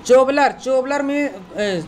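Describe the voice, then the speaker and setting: A man's voice: extremely high pitch, slow, a little hiss or hum. Patient man teaching vocabulary. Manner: patient, repeats words and checks understanding; spells words out letter by letter. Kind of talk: vocabulary lesson for children.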